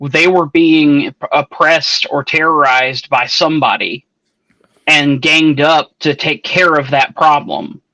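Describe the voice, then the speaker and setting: Bright-voiced man on a dull, dry line. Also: on the high side, slow, no echo. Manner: explains things at length with musing asides. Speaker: book club panelist. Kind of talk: casual online book discussion.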